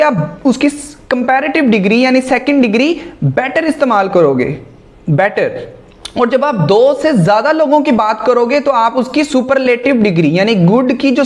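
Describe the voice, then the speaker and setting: Woman, grammar teacher, patient, slow deliberate examples, brisk explanations, lecture style. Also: a little high. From Pakistan. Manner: patient, repeats key points, checks in with "theek hai".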